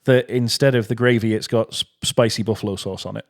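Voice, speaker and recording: A man's voice: lowish voice, steady tone, quick pace. A man co-hosting a podcast in casual chat, guessing quiz answers with playful, mock-indignant jokes. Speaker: podcast co-host, quiz contestant.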